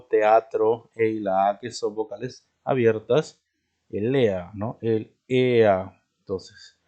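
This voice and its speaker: A man's voice: lowish voice, mellow. A man teaching a recorded grammar lesson, explaining step by step and checking in with his listeners after nearly every point. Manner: explanatory, repeats "¿de acuerdo?" and "¿no?" as check-ins; spells out words slowly, stressing each example. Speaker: language teacher. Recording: dull lo-fi recording.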